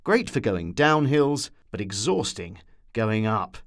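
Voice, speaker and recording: Telling the story in a scripted documentary narration, a man speaks at a slow pace with a bit of brightness and a very animated, wry delivery. His pitch rises and falls a great deal.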